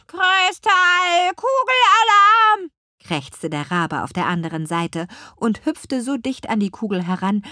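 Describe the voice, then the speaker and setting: A woman narrating a children's storybook audiobook in a calm, measured, expressive reading. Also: fairly low pitch, no room sound, clean studio sound.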